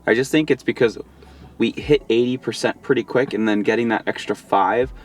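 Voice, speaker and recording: A man's voice: medium pitch, moderate pace. A man with a Southern accent, chatting casually and thinking aloud while he drives on a road trip vlog. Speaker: vlogger driving an electric car. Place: inside a car.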